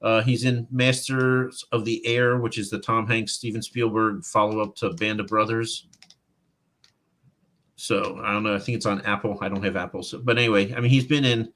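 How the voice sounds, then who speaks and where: A man's voice: on the low side, level tone, normal speed, a bit bright. A man, an author being interviewed, telling anecdotes casually and acting out quoted dialogue. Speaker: author, guest.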